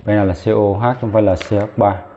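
This male chemistry teacher has a warm, lowish, steady voice and talks fast while writing at a whiteboard. He counts aloud and corrects himself mid-step, and the recording is tinny and phone-like with slight background noise.

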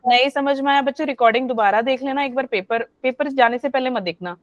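A woman's voice: high-pitched, quick pace, no room sound. A woman teacher leading a live online class, chatty and coaxing, mixing English into her talk. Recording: dull lo-fi online audio.

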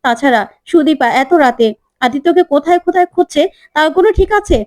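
A woman voicing a sharp-tongued aunt who argues back at her elder sister-in-law, reproachful and pointed. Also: high voice, lively intonation, fairly quick, no echo, pitched above the performer's own voice.

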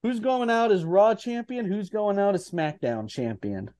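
A man's voice: sits high, expressive, unhurried, warm tone. A man hosting a casual podcast chat, teasing and joking with his co-hosts. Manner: jokey, teasing. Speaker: podcast host.

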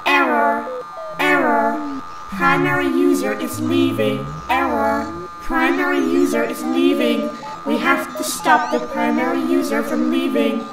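A woman voicing a possessive, menacing robot doll girl who glitches and repeats error messages in a slow, flat robot voice. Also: sits high. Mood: glitching. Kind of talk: horror sound clip. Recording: echoey, distant, music underneath.

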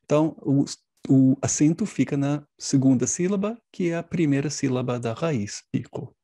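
A man giving an academic conference presentation, explaining in a measured way with frequent hesitation fillers. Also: mid-range voice, mellow, no room sound, clean studio sound. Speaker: linguistics researcher presenting.

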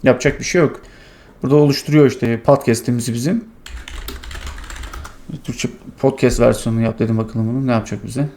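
A man hosting his tech channel, casually walking through a software demo and thinking aloud with many fillers. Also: mid-range voice, fairly even intonation, brisk, pauses often, a little hiss or hum.

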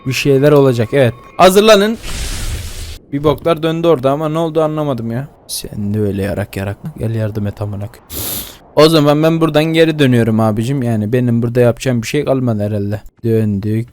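A young man talks over a horror game and reads its lines aloud in a middle-pitched voice. He curses freely, bursting out loud when startled and then dropping to a low mutter. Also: quick pace, a little hiss or hum. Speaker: gaming YouTuber. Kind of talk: casual let's-play commentary, reading game subtitles aloud.

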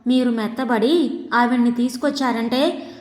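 A sharp-tongued, quarrelsome middle-aged housewife, read by a woman storyteller, taunting and scolding in a fairly high voice. The sound rings in an echoey room with a long trailing reverb, like a storybook reading. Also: normal speed, close to an everyday voice. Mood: sarcastic.

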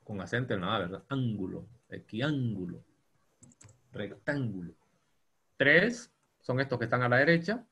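A man teaching a university geometry class, dictating slowly and spelling out terms. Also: medium pitch, big pitch swings, sharp tone, slightly rough. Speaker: geometry lecturer.

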